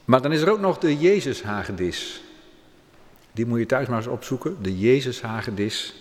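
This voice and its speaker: A man's voice: mid-range voice, lively intonation, moderate pace, a little mellow. A man reading scripture aloud and then preaching on it in plain speech. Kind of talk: Bible reading and sermon. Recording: long hall reverb.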